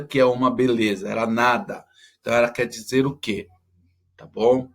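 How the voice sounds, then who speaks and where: A man's voice: medium pitch, fairly bright tone. A man teaching, talking students through school exercises step by step and checking in with "tá?" after nearly every phrase. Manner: checks in constantly with "tá?".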